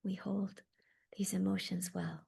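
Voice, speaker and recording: Guiding listeners through meditation, a woman talks in a slow, soft, gentle way, frequently trailing into a half-whisper. Her voice holds an even, level pitch and has a slightly gravelly edge.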